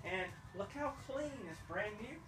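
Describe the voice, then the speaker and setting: A middle-aged man representing a charity walks through a village well site and a small new house, recording a casual vlog on a handheld camera. He speaks a little slowly in an expressive, high-pitched voice, enthusiastic and full of gratitude as he explains. Background noise can be heard.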